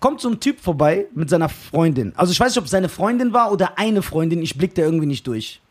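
Husky, lively young man telling stories. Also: fairly high pitch, fast. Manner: animated storyteller, laughs often. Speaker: podcast co-host. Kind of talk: casual chat, storytelling.

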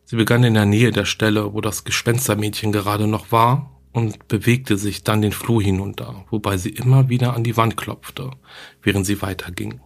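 A man giving a storybook narration in a steady, measured reading voice. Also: fairly low pitch, creaky.

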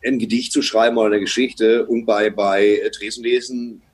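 A man's voice: lowish voice, little pitch movement, moderate pace, slightly rough. A man talking as a guest in a casual chat, blunt and emphatic with casual swearing.

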